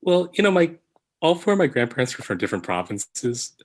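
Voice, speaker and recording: A man, a podcast guest, answering in a hesitant way with many pauses. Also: medium pitch, big pitch swings. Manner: hesitant, with fillers and restarts. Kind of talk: casual interview.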